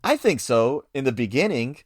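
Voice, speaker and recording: A man's voice: medium pitch, very animated, moderate pace, dry recording, clean studio sound. A man co-hosting a podcast, chatting playfully about tabletop games and steering the discussion along. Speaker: podcast co-host.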